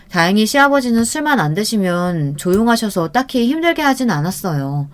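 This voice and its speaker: Woman telling a real-life story. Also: mid-range voice. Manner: conversational first-person storytelling. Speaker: narrator.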